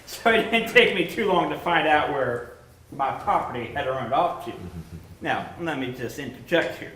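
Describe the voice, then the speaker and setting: A stage actor playing a self-righteous, pompous 1840s slaveholder who lectures the audience in a live play. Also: male voice, a little high, animated, normal speed, sharp tone, slight background noise. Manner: pompous, indignant, addresses the audience. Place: theatre stage. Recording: echoey stage recorded from far off.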